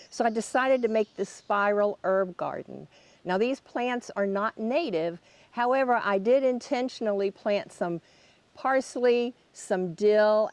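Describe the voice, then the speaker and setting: A woman's voice: medium pitch, a little mellow, dry recording. A woman narrating a garden tour as host, in a plain-spoken, instructional way.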